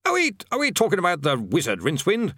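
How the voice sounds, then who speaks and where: A man playing a nervous fussy bursar, high-pitched, stammering, loud. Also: huge pitch swings, quick pace, no echo, studio quality, full character voice. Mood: flustered. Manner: flustered, stammering, overly polite.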